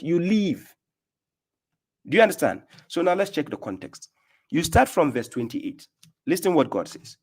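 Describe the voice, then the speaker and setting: This Islamic preacher from Ghana speaks in a somewhat high, slightly mellow voice with a Ghanaian accent. His informal teaching is emphatic and repetitive, and he keeps asking listeners "do you get my point?"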